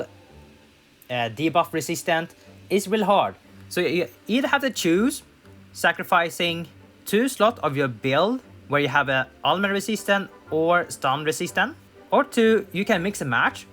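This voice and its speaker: Gaming commentator, male, higher voice, casual and thinking aloud, faint music bed. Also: a bit bright. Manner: thinks aloud with fillers and restarts. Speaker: gaming YouTuber. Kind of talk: casual tier list commentary.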